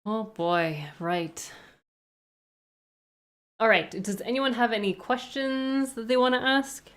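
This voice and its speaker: A young Canadian-accented woman chats casually on a live stream, fielding viewer questions in a slow voice on the high side. She rambles and thinks out loud, hedging often.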